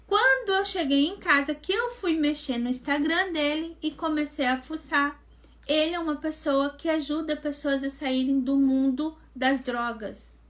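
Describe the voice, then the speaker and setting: A woman mentor hosting a live devotional, telling a personal testimony in a lively, conversational way and acting out what people said. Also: high-pitched, measured pace. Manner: animated storytelling, acting out quoted dialogue; conversational, addresses listeners as gente.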